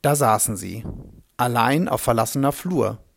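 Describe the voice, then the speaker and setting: A man's voice: medium pitch, moderate pace, creaky, natural voice. A man playing a humble swineherd who tells his story in a reflective, vivid way. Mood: thoughtful. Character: humble male swineherd recalling a strange day. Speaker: first-person narrator. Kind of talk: dramatic storytelling monologue.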